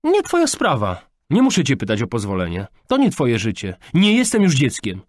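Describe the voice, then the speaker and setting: A man voicing a hot-tempered fifteen-year-old girl who shouts back indignantly. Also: lowish voice, lively intonation, moderate pace, husky, no echo, studio quality.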